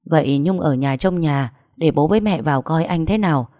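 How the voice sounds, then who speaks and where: Một người phụ nữ đọc truyện lồng tiếng một ông bố lớn tuổi, nói điềm tĩnh và dứt khoát. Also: female voice, deep voice, brisk, dark tone, lightly acted. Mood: firm. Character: older father, calm and firm.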